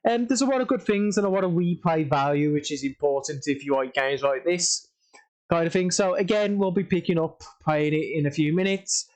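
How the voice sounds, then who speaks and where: A man's voice: fairly high pitch, brisk, darkish tone. A young man hosting a casual livestream, tired after a workday, rambling with many ums, restarts and repeated stock phrases. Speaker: streamer.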